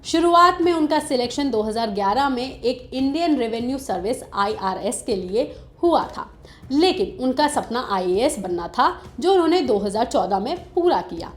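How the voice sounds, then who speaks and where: Higher-pitched woman reading the news. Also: expressive. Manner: brisk, dramatic rhetorical questions. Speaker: news anchor. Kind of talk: scripted news narration. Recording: music bed behind voice.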